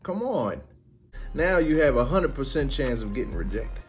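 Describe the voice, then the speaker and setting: Male reaction host, animated jokey commentary, pitch swings a lot. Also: a little fast, soft background music. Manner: animated, joking, slangy. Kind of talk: mocking commentary on clips.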